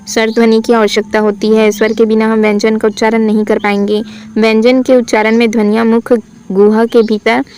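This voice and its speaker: A woman teaching a Hindi grammar lesson for exam practice. She reads sentences out slowly, asks what is wrong and answers herself. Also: on the high side, darkish tone, low-quality recording. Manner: asks questions then answers them herself.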